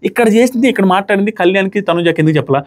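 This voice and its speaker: Quick, animated man reviewing a reality show. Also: sits high. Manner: animated, acts out the contestants' quoted lines. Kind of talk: casual commentary to camera.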